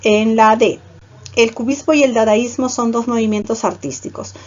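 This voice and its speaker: A woman's voice: on the high side, steady tone, normal speed, a little mellow. A woman teaching a class, explaining each point step by step and checking in with her students. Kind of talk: online class lecture. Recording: dull lo-fi recording.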